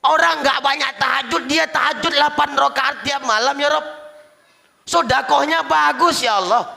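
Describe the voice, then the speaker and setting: A preacher voicing an aging wife who pleads with God, whiny and insistent, in a comic sermon role-play. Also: female voice, high-pitched, expressive, fairly quick, vocal fry, sharp tone, pitched above the performer's own voice, full character voice. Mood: pleading. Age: older. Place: mosque. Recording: long hall reverb.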